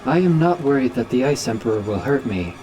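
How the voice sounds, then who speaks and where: A man's voice: mid-range voice, lively intonation, fairly quick, dark tone, faint music behind, natural voice. A man voicing a formal, troubled android. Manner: formal, precise, no contractions. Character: earnest young male android ninja, formal and troubled. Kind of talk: fan audiobook voice acting.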